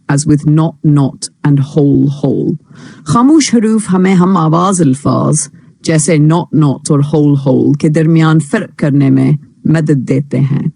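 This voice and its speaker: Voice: medium pitch, creaky, warm tone, dry recording. An English teacher, reading a textbook lesson, giving each English phrase and then its meaning.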